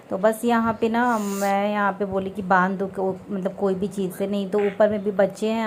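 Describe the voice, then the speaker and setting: A woman's voice: mid-range voice, darkish tone, low-quality recording. Woman, Indian accent, casual vlog chat, rambling, unwell, faint background noise. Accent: Indian Hindi. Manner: chatty, rambling, addresses viewers directly. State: unwell, low-energy. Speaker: family vlogger. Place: in a car, then on a rooftop outdoors.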